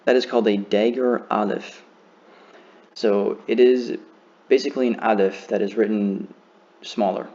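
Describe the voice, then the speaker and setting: Man, lowish voice, patient teacher, careful pronunciation demos, dull lo-fi sound. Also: fairly even intonation, mellow. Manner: slow, careful demonstration of pronunciation. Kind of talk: beginner lesson.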